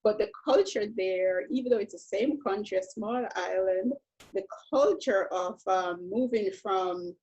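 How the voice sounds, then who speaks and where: A woman from Jamaica, a painter telling her story in a relaxed, reflective conversation, often saying "you know". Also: mid-range voice, unhurried, husky, lo-fi sound. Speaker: painter, interview guest.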